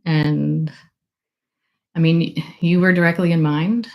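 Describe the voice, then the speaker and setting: A woman's voice: low voice, steady tone, takes it slowly, gravelly, a little mellow, poor audio. A young woman talking casually on a livestream at her book launch, emotional and gushing, rambling with many fillers. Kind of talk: casual livestream thank-yous.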